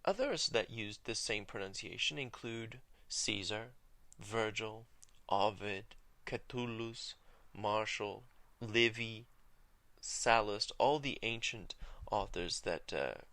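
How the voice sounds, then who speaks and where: A man with a low, gravelly voice explains Latin in a video lesson. He speaks in a measured, careful way and slows down to sound out key words. The recording is dry and close, and his tone has a bright edge. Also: no echo. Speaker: Latin teacher.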